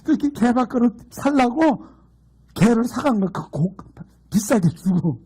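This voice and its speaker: A man's voice: extremely high pitch, animated, unhurried, dark tone, slightly rough. A middle-aged man from Gangwon Province preaching a sermon as pastor, emphatic and mixing in humorous folksy stories. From Gangwon Province, Korea.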